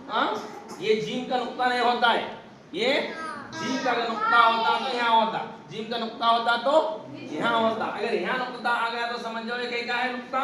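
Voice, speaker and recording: A man teaching a class on Arabic letters, asking questions and repeating the answers himself. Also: very high voice. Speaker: religious teacher. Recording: echoey room, distant mic, background noise.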